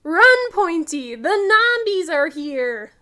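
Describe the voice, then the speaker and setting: Woman voicing Tiny T-Rex, earnest high-voiced little dinosaur. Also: very animated, takes it slowly, pushed and bright, full character voice. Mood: alarmed. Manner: earnest, dramatic, simple childlike phrasing. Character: small earnest young T-Rex, timid but trying bravery.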